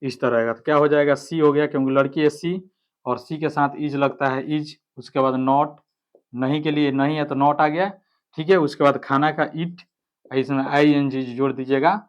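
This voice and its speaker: Guy teaching an online grammar class, slightly high voice, keeps asking ok?. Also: steady tone, moderate pace, lo-fi sound. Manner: explains step by step, keeps checking with "ठीक है".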